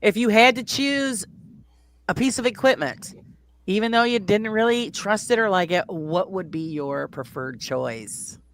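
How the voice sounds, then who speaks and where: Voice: medium pitch, animated, unhurried, fairly bright tone, no room sound. A quiz host chatting casually on a live stream over a video call, rambling and hedging with a hesitant, chatty manner.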